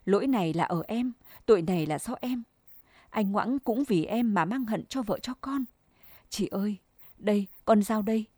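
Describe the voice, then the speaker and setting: A young village woman begs for mercy in a humble, tearful voice, as a woman reads her part. The tone is soft and mellow, with a dry close sound. She keeps pleading and giving way. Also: medium pitch, moderate pace, dry recording, natural voice.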